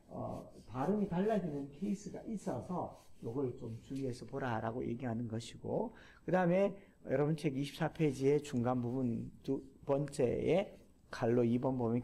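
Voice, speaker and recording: A man lecturing to a class, explaining step by step, repeating key terms and pausing with fillers. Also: mid-range voice, creaky, dark tone.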